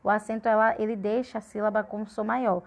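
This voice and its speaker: A woman teacher giving a patient grammar lesson, saying her example words slowly and clearly. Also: medium pitch, level tone.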